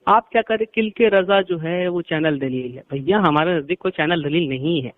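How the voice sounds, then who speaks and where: A man's voice: a little high, normal speed. A man, a cleric, arguing in a heated phone debate, cutting in and repeating his phrases insistently. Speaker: Sunni cleric debating a caller. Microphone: phone call. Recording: tinny phone line.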